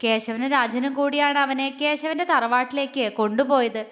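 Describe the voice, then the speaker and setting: A woman storyteller narrating a scripted romance story in a steady, even storybook reading. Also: sits high, moderate pace. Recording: long reverb.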